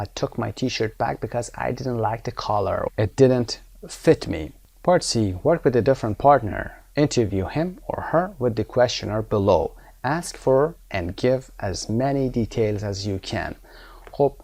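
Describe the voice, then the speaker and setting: A man teaching an English lesson, explaining terms quickly and then reading the English aloud slowly and deliberately. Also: fairly low pitch, creaky, a little mellow, no room sound. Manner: explanatory, teacherly, with hesitations and fillers. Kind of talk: recorded language lesson.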